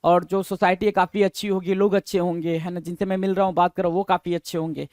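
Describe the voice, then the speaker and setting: Male vocabulary tutor, high register, repetitive question-and-answer drilling, dry close mic. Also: little pitch movement, fast talker, darkish tone, no room sound. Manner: mixes Hindi and English, repeats each answer and spells it letter by letter; asks the viewer questions and answers them himself. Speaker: exam vocabulary teacher. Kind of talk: recorded vocabulary lesson.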